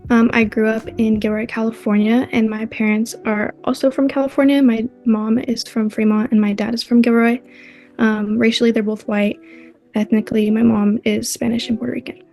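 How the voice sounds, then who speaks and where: A woman in her late teens introducing herself in a steady, plain way. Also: fairly high pitch, moderate pace, faint music behind. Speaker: interviewee. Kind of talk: casual interview answers.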